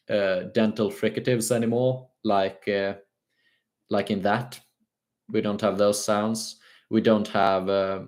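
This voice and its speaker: A young Swedish man speaks English in a slightly low, somewhat mellow voice, his Swedish accent carrying a light British lean. Answering viewer questions on a casual livestream, he hesitates a lot, filling pauses with ums and uhs and restarting sentences.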